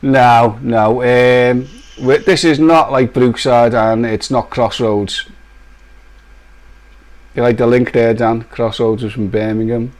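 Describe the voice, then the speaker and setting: A man's voice: mid-range voice, steady tone, takes it slowly, darkish tone. A man hosting a casual live stream, joking, teasing and laughing often.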